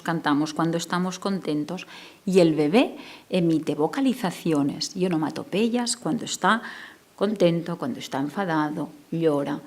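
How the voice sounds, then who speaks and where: A speech therapist whose native language is Catalan presents at a conference in a lecture hall. She alternates between speaking softly in a lowered voice and breaking into emphatic bursts.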